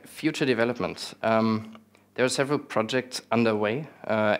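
A young man giving a technical talk with slides in a small lecture room, relaxed, with many fillers and restarts and some dry humor. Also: on the low side. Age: young adult. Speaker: conference speaker.

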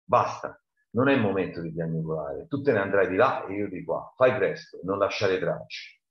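A man reading aloud as a cold, scheming killer who speaks in a calm, commanding way. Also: deep voice, normal speed. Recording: roomy, dull lo-fi sound.

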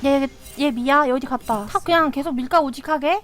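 A young woman streaming a game, excitedly talking to herself and shouting at the action as she plays. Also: high-pitched, brisk. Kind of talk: live gameplay commentary.

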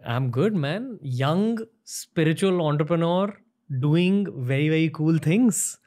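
A young man from India hosting a podcast, speaking earnestly into a studio mic and letting his lines fall soft at the ends. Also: on the high side, takes it slowly. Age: young adult. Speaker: podcast host. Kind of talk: podcast interview and intro monologue. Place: studio set with shelves, indoors. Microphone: desk-mounted podcast mic.

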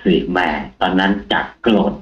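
A man, a taxi driver, telling a ghost story in a casual, animated way on a live show. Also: normal speed, roomy sound, muffled recording, soft background music. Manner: animated, acts out the quoted lines himself.

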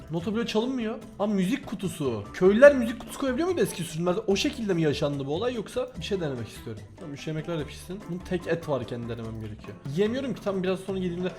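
A young man giving excitable commentary while playing a game, talking to himself and his viewers with sudden startled outbursts. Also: sits high. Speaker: gaming YouTuber. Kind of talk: let's play commentary.

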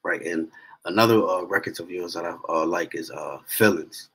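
A man's voice: low-pitched, normal speed, crowd noise, low-quality recording. A man of thirty-one hosting a podcast, chatting casually and chiming in with short affirmations. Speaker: podcast host. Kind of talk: casual interview chat. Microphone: large studio mic in front of him.

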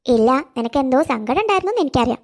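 A woman voicing a kindly, motherly middle-aged neighbor in a cartoon, coaxing and warm. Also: high voice, very animated, racing, pitched below the performer's own voice, heavily acted. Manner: warm coaxing, calls the girl dear. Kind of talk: cartoon voice acting.

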